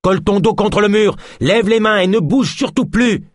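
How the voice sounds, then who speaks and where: A man's voice: medium pitch, a little fast, no room sound, studio quality, pitched above the performer's own voice, close to an everyday voice. A man voicing a determined male investigator who gives firm, raised orders. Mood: commanding.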